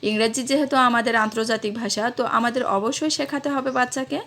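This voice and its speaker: Woman, slightly high pitch, casual repetitive how-to talk for parents. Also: steady tone, fast, a bit bright. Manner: repetitive, explanatory, with fillers and self-corrections. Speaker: parenting vlogger teaching English to children.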